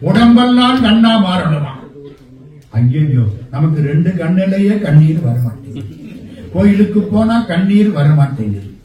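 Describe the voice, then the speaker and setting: A man's voice: high-pitched, dark tone. A middle-aged man giving a devotional stage speech, telling stories with humorous asides and chanting verses. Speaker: devotional speaker. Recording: echoey hall, from a distance.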